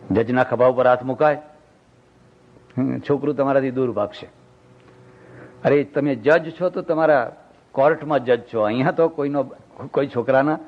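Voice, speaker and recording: An older man giving a storytelling sermon as a monk, animated and acting out the people in his stories. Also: medium pitch. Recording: dull lo-fi recording.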